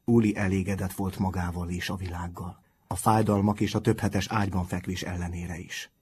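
A man reading a novel aloud in a calm, measured audiobook narration. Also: sits low, a little hiss or hum.

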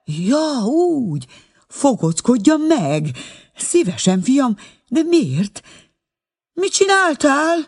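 Fussy old mom in a storybook, squeaky and jumpy, voice leaping all over, as a reader puts her on. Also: sing-song, long pauses, slightly rough, heavily acted. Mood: astonished. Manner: shrill, flustered, exclaiming. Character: excitable elderly mother, fussy and proud.

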